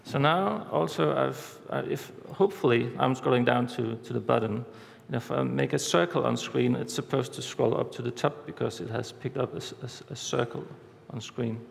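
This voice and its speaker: A man giving a conference talk, walking through a live demo step by step in a halting way, recorded in a large hall. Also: medium pitch, gravelly. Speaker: conference speaker. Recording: reverberant hall, faint background noise.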